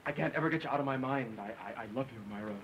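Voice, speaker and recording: An actor playing an earnest young soldier. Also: male voice, medium pitch, racing, fairly bright tone, dull audio, slight background noise, close to an everyday voice. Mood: pleading. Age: young adult. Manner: earnest, pleading, tender. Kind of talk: 1930s film acting.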